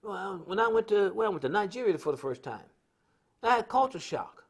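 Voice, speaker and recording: A fairly quick American man with a high voice and big pitch swings, well above most men's, preaches off the cuff on a religious talk live stream. He comments on society through emphatic, colloquial stories and repeats points for force.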